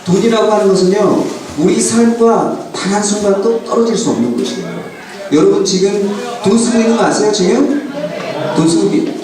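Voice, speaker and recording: A pastor lecturing a church class in an animated way, often quizzing his listeners with questions. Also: high voice. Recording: roomy hall from a distant mic.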